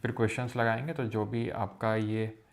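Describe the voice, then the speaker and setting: A man's voice: on the low side, level tone, moderate pace, creaky. A male teacher giving a recorded geography lecture in a casual, playful way, making jokes and memory tricks and mixing English terms into his speech.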